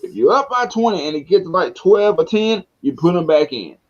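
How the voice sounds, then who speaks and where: An excitable man with a Southern American accent talks sports in loose, slangy banter. His voice swings up and down, full of energy. The audio is a little dull and lo-fi. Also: sits high, brisk. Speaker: sports talk show host. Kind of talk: casual sports chat.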